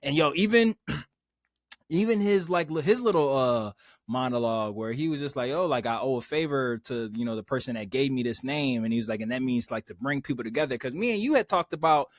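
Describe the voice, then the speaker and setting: A man co-hosting a laid-back anime podcast, talking fast and loose in slang. He often breaks into higher, louder voices to act out characters' lines. The sound is dry and close, with a mid pitch for a man. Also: dry recording. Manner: animated, slangy, quotes characters in raised voices. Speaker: podcast co-host. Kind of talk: casual anime discussion.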